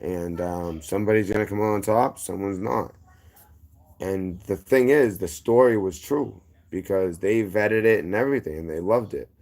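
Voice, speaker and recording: This guest, an inner-city Bostonian with a strong local accent, tells a rambling, casual story full of tangents, returning to earlier points and correcting himself. He speaks at normal speed in a lowish, darkish voice.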